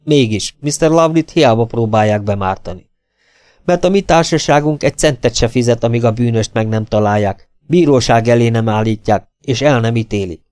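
A man voicing a calm, sly middle-aged detective, measured and needling. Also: medium pitch, clear, resonant tone, no room sound, studio quality, natural voice. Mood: probing.

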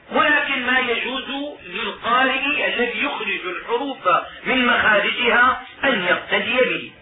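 High-voiced man teaching a religious lesson. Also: heavy background noise. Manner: explanatory, spells out sounds slowly and repeats examples. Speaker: lecturer on Islamic jurisprudence. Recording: roomy phone-quality recording of a distant speaker before an audience.

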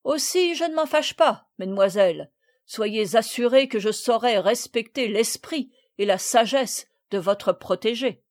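A woman's voice: fairly high pitch, animated, slow pace, no room sound, clean studio sound. A woman voicing a proud, touchy older boy cousin in a storybook reading, speaking in a mocking, prickly way.

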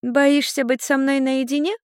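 A sly little girl who giggles and taunts, as a woman reading a story puts her on. Her voice leaps up high and playful, recorded close and dry with no room around it. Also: little pitch movement, normal speed, dry recording, close to an everyday voice. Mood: mocking. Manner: taunting, laughing, rising high.

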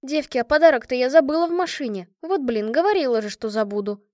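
A scatterbrained blonde young woman, flustered and apologetic, her voice high, as a female reader plays her. the recording is close and dry. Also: animated, fast talker, a little mellow, dry recording.

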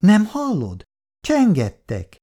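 An elderly housewife in a 1960s radio play, stubborn but dreamy, voice leaps up high when she insists. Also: sing-song, mellow. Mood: insistent. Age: older. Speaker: Mrs. Szabó. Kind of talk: 1960s radio drama acting.

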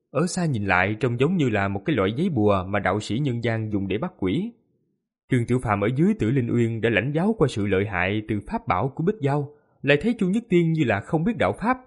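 A man narrating a fantasy novel audiobook with lively, expressive storytelling. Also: medium pitch, breathy edge.

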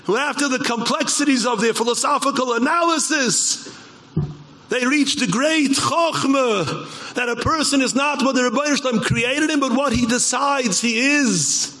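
A man giving a Torah lecture as a rabbi, impassioned and rising to shouts. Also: very high-pitched, slight background noise.

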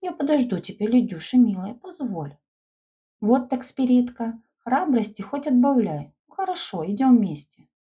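A woman's voice: a little high, big pitch swings, moderate pace, mellow, voice pushed up. A woman voicing a bold, mocking schoolgirl who teases her friends. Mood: teasing. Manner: teasing.

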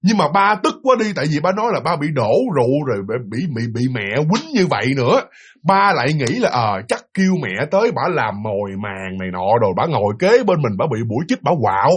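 A man telling a ghost story in a casual, animated way, repeating himself as he talks. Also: mid-range voice, quick pace, slightly rough. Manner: animated, repetitive, conversational.

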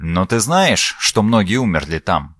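A man voicing a polite, shrewd detective who questions calmly and courteously, in an audiobook. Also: lowish voice, measured pace, husky, dry recording, studio quality, exaggerated voice. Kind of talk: audiobook character voice.

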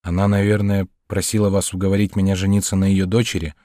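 A man voicing a calm young scholar who speaks quietly and composedly. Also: fairly low pitch, brisk, dry recording, studio quality, natural voice. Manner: quiet, soft-spoken, composed.

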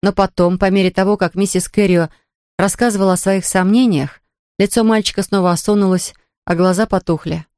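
Audiobook reader telling a kids' novel, even and steady, dry close sound, nothing fancy. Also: mid-range voice, brisk, clean tone, dry recording. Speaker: audiobook narrator. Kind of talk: scripted narration of a children's novel.

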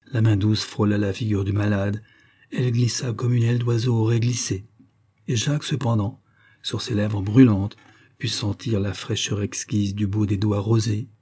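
A man reading a serial novel aloud as an audiobook, with measured, expressive phrasing in short clauses. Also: lowish voice, slightly rough. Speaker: audiobook narrator.

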